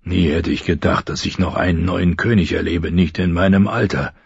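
A gruff old commander barks his orders in a low growl, as a male audiobook reader puts him on. The voice is deep and husky. The recording is dry and a little dull. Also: steady tone, normal speed, dry recording, full character voice. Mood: grave. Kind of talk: audiobook reading.

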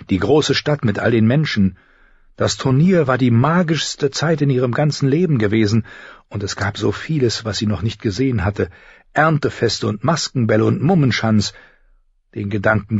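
A man reading an audiobook in expressive scripted narration, on a slightly dull recording. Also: lowish voice, breathy edge, dry recording. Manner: expressive storytelling.

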